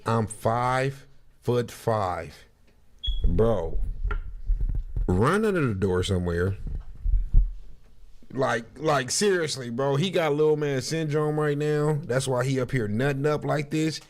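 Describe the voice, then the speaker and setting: A man's voice: medium pitch, lively intonation, slow pace, long pauses, slight background noise. A man streaming a casual reaction, mocking and laughing in slangy banter.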